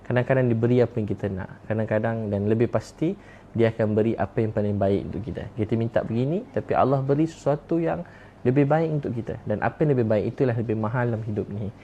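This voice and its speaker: A man's voice: medium pitch, fast talker, warm tone, dull audio, slight background noise. A man with a Malaysian accent preaching a sermon with impassioned delivery, repeating key phrases for emphasis.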